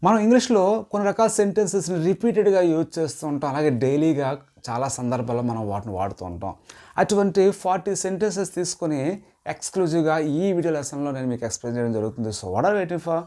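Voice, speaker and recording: Mellow-voiced male English teacher. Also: on the high side, lively intonation. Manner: says each English phrase slowly, then explains it quickly. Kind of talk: spoken English lesson.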